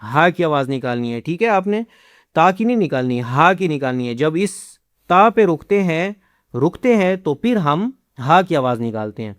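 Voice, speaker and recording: A man's voice: fairly high pitch, very animated, no room sound, studio quality. A man teaching Quran recitation, spelling out letters and vowel marks and drawing out each recited word. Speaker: Quran tutor. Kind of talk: slow word-by-word recitation lesson.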